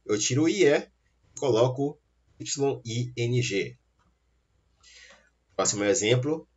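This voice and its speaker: In this language lesson, a man teaching English explains things slowly and carefully, spelling words letter by letter. He speaks at medium pitch with a breathy edge, on a dull, lo-fi recording.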